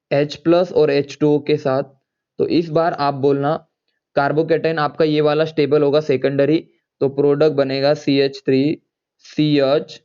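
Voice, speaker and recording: Male chemistry teacher, a bit high-pitched, drills students with questions, lo-fi sound. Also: dark tone, smooth. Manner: repeats points, quizzes students with quick questions. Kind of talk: online chemistry lecture.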